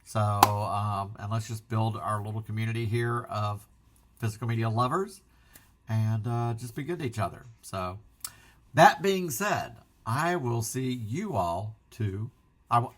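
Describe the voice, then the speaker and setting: A man hosting a casual vlog, talking in an excitable, rambling way and interrupting himself often. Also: fairly low pitch, normal speed. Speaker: physical media channel host.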